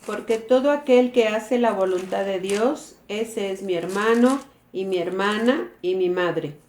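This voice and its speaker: A woman in the congregation reads Bible verses aloud at a steady pace. Her voice carries through an echoey church room, with faint noise behind her. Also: mid-range voice, measured pace. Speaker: scripture reader in the congregation.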